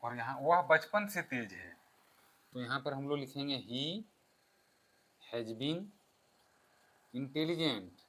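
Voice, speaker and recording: Male teacher, bright voice, slow step-by-step explanations with dictated examples. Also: medium pitch, lively intonation, low-quality recording. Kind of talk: classroom grammar lesson.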